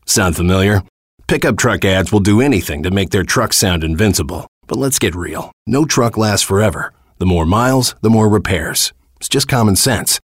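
A man narrating a scripted truck commercial as an announcer, with an emphatic, tough-guy sales pitch. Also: lively intonation, normal speed, no echo, studio quality.

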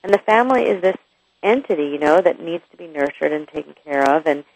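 A woman's voice: low-pitched, animated, fast, darkish tone, slightly rough, no room sound, rough recording. A woman author guesting on a radio interview, talking candidly and chattily with frequent restarts and asides.

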